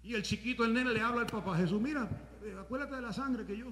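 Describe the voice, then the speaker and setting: A man pastor preaching a sermon in a conversational way, at times rising to shouts. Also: very high-pitched, fast, reverberant, long reverb tail, crowd noise.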